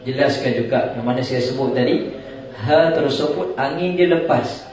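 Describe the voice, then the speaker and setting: A man teaching Quran recitation rules, explaining slowly and chanting example verses between jokey asides. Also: mid-range voice, darkish tone. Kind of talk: tajwid class with recited examples. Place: large echoing prayer hall. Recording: echoey hall, mic some distance off.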